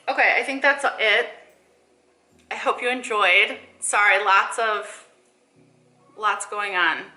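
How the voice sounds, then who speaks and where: A young woman with a bright, forward voice talks casually through a hair tutorial, rambling with fillers and asides and a little out of breath. She sounds like she is in an echoey room at home. Faint music plays behind her. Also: mid-range voice. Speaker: hair stylist vlogger.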